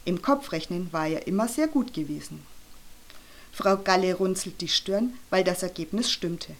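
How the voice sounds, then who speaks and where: A woman reading a children's audiobook aloud with expressive storytelling. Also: lowish voice, normal speed. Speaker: narrator. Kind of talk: audiobook narration.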